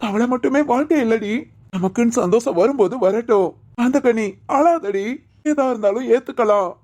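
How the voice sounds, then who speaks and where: A woman's voice: a little high, moderate pace, warm tone, close to an everyday voice. A woman playing an anxious, doting young husband who fusses and teases in a village family drama. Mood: worried. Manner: fussy, coaxing and teasing.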